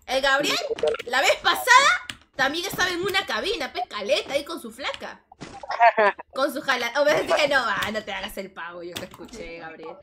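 Young Peruvian woman streamer, high voice, animated slangy storyteller, noisy stream audio. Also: fairly quick. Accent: Peruvian Spanish. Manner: animated, slangy, lots of "hermano". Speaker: gaming streamer. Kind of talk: casual storytelling to stream chat.

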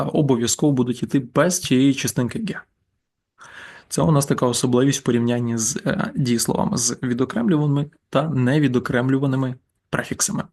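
A man teaching a German grammar lesson over slides, explaining patiently and repeating examples slowly. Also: medium pitch, darkish tone.

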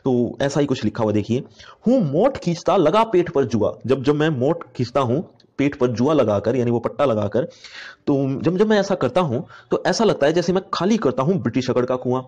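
A man's voice: medium pitch, lively intonation, fairly quick, a little mellow. A man teaching a class poem, reading each verse aloud and then explaining it in simple words, with many fillers. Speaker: Hindi teacher.

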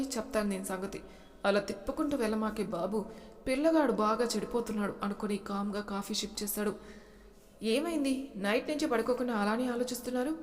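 A woman's voice: medium pitch, big-room sound. Woman telling a dramatic story. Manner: emotional, voices characters with rising intensity. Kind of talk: dramatic storytelling, voicing all characters.

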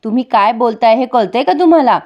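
A woman's voice: a little high, animated, fast, dull audio, lightly acted. A woman voicing a young male lawyer who is earnest and flustered, in a serial recap. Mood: indignant. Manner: hesitant, then indignant.

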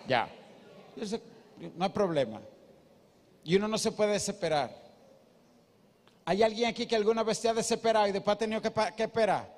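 Male pastor, high voice, emphatic sermon style, long church-hall echo. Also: darkish tone. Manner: emphatic, questions the congregation.

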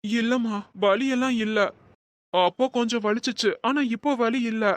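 A woman's voice: a little high, fairly even intonation, normal speed, no room sound, close to an everyday voice. A woman voicing a hurt, resentful young husband in a storybook drama, talking plaintively to his mother. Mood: soft. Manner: plaintive, sulking.

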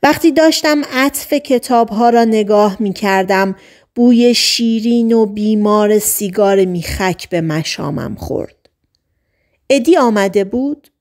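Calm woman narrating an audiobook. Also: mid-range voice.

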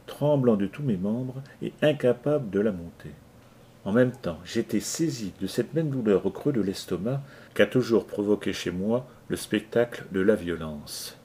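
A man narrating an adventure novel aloud in a measured, dramatic reading. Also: lowish voice, dark tone, slight background noise. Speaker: audiobook reader. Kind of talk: scripted narration.

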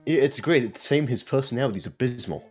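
A man's voice: medium pitch, fast talker, a little mellow, slightly rough. A young man chips in from slightly away from the mic with short, dry, teasing lines during a game session. Faint game music sits behind him. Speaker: co-commentator. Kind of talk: casual gameplay banter.

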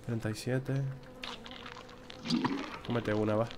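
A man's voice: lowish voice, little pitch movement, takes it slowly, heavy background noise. A young man from Spain with a Spanish accent giving casual gameplay commentary, talking to himself and grumbling as he plays. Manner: talks to himself, grumbling and exclaiming. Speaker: gameplay streamer.

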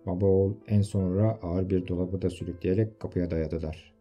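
Male audiobook narrator, very low dark voice, faint music under it. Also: moderate pace, lo-fi sound. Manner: steady storytelling. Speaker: audiobook reader. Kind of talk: scripted novel narration.

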